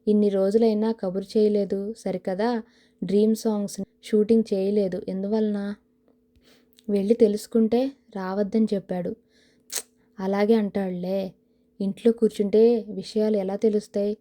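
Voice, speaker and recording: A woman narrating an audio novel in a steady, even storytelling manner. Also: mid-range voice. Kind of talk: scripted narration.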